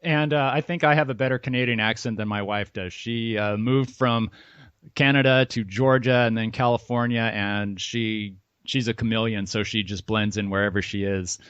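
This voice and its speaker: A man hosts an interview podcast, friendly and a little rambling as he puts his questions in a casual conversation. His voice is lowish, smooth and fairly bright, with a steady tone at normal speed. The recording is dull and dry, with no echo.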